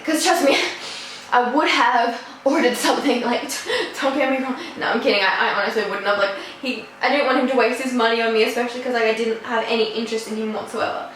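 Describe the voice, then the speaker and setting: A teenage girl telling a casual storytime vlog in a chatty, animated way, swearing now and then. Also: fairly high pitch, brisk, slight background noise. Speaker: vlogger. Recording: echoey room.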